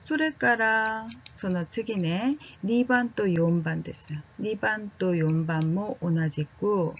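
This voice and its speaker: Woman language teacher, casual and friendly, with a breathy voice on a muffled recording. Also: mid-range voice. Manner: speaks slowly, drawing out vowel drills and checking in with learners; casual and friendly, with fillers like "ano". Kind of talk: slow, gentle language lesson.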